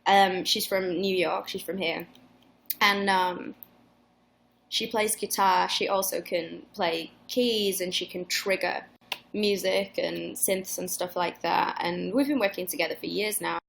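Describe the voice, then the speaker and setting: A singer in her twenties speaks in a lowish, creaky, slightly bright voice with fairly even intonation, a little on the slow side. With her mixed Northern English accent, she chats casually with fans in a live Q&A, rambling and swearing through many restarts.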